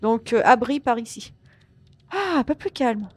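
Faint music sits behind this gaming host's high-leaning, slightly rough voice, which is expressive and unhurried with no room sound. Treating her viewers like friends, she chats casually, grumbles back at the game, and throws in mild curses.

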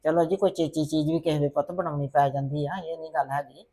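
A woman playing a patient, soothing mother-in-law in a family drama who keeps advising calmly. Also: low-pitched, fast. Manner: calm, soothing, calls her "son".

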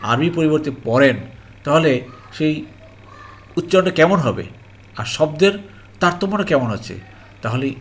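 A slow, patient man with a higher-pitched voice and a Bangladeshi Bengali accent teaches Quran grammar in an online lesson. He explains things repetitively, often saying "ji" and "alhamdulillah," calls viewers "priyo mohtaram," and checks that they understand.

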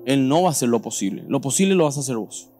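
A man with a Paraguayan Spanish accent preaching a sermon as pastor at a church service, animated and questioning the congregation directly. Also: mid-range voice, fast, faint music behind.

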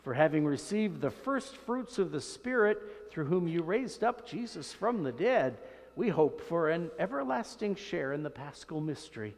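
An older man, a priest, reciting solemn liturgical prayers in a measured, reverent manner in a large echoing church. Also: a little high, sing-song, creaky. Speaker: priest celebrating Mass. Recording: long cathedral-like echo in large church.

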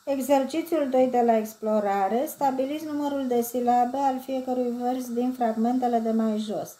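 A woman with a Romanian accent teaching a textbook lesson, reading exercises quickly and then slowing down to count verse syllables aloud. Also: a little high, steady tone, mellow.

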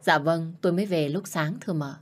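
A woman's voice: sits low, a little fast. A woman voicing a deferential, evasive male servant. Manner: polite and evasive.

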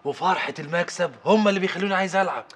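An actor playing a carefree gambling husband, speaking in Egyptian Arabic in a breezy, dismissive way. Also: male voice, sits high, racing, a bit bright.

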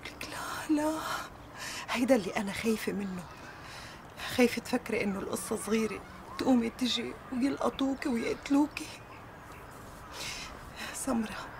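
An actress playing a worried, loving aunt. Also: female voice, a little high, background noise, lightly acted. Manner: pleading, anxious. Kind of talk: TV drama acting.

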